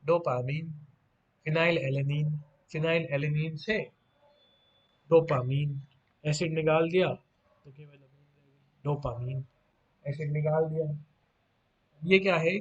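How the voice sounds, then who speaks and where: A man's voice: on the high side, steady tone, slow pace, pauses often. Man lecturing, posing and answering questions. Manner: asks and answers his own questions, playful asides. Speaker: pharmacy teacher. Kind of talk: online lecture. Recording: dull lo-fi audio.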